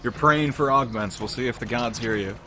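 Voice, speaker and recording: A man running a tabletop game as game master, calmly narrating the scene for his players. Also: mid-range voice, a little fast, background noise. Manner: calm descriptive narration.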